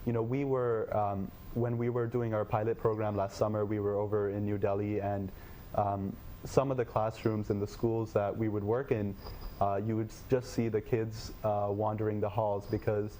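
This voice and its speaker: Low-voiced, dark-toned young man. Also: flat delivery, slight background noise. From Nepal. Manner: measured, thoughtful, many fillers. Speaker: guest, education tech company head. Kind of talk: interview answers.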